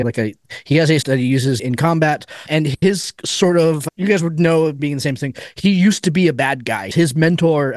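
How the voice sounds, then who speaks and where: A man with a fairly high voice chats as a player at a tabletop game, joking around and tripping into repeated restarts. The sound is dry and close, with no room echo. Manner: stammering restarts, jokey. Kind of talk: casual chat.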